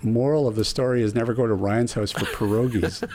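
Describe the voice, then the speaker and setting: A man hosting a podcast, bantering casually with rambling jokes and laughter. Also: medium pitch. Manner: joking, rambling with frequent laughs. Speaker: podcast host.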